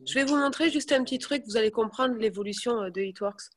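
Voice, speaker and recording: A young woman chatting casually to her viewers, telling animated stories. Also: on the high side, fast. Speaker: network marketing presenter. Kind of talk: casual live chat.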